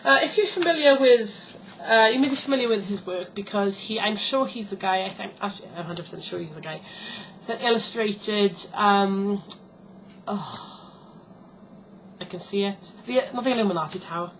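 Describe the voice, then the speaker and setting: A woman talks her way through an unboxing at home, chatty and a little rambling, stopping to correct herself. Her voice sits at an ordinary middle pitch, and faint room ambience hums behind her. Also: expressive, normal speed, a bit bright, slight background noise, low-quality recording. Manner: chatty and rambling, many ums and self-corrections. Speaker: tarot vlogger. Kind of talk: casual unboxing chat.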